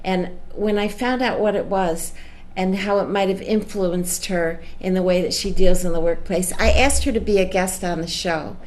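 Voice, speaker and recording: A woman's voice: mid-range voice, steady tone, moderate pace, darkish tone. A woman hosting a workplace talk show, opening with an enthusiastic introduction of her guest.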